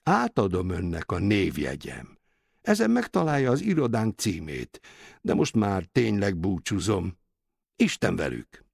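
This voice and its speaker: A man's voice: deep voice, huge pitch swings, vocal fry, a little mellow, husky, no echo, clean studio sound, heavily acted. A man doing a stocky, formal deputy notary. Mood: polite farewell. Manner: polite, formal, slightly fussy.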